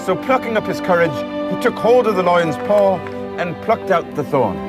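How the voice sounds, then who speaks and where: An actor playing a gentle travelling showman, kindly and devoted to his performing animals, in a film drama. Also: high-pitched, big pitch swings, normal speed, loud music behind the voice. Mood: showy. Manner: kindly, chatting to animals as companions.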